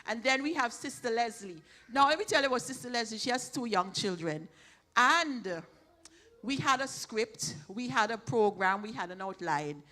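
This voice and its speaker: A woman's voice: fairly high pitch, lively intonation, moderate pace, bright, forceful tone. A woman leading church announcements, thanking helpers in a chatty way with many restarts. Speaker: church program leader. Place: church hall.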